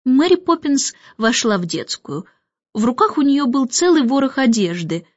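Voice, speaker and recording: A woman's voice: high voice, very animated, moderate pace, no room sound, muffled recording. Woman reading a storybook aloud. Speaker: audiobook reader. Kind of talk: storybook narration.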